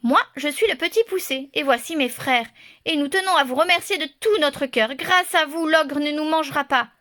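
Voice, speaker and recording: A tiny storybook boy, earnest and thankful, as a woman reads him. The voice is high and bright. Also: moderate pace, dry recording, studio quality. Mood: grateful. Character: tiny grateful boy freed from a cage.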